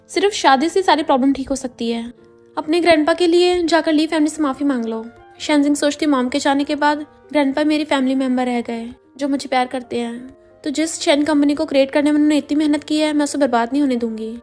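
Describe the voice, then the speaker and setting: A woman with a high, quick voice rattles through a drama recap, slipping into each character's lines without changing much. Soft music plays faintly underneath. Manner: quotes every character in her own voice with light shifts. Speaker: narrator recapping a drama series. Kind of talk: fast casual storytelling recap.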